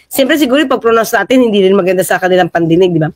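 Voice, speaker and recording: A woman's voice: medium pitch, expressive, very fast, dry recording. A Filipino woman hosting a casual livestream, chatting about the news and thanking viewers by name. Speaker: livestream host reading viewer comments.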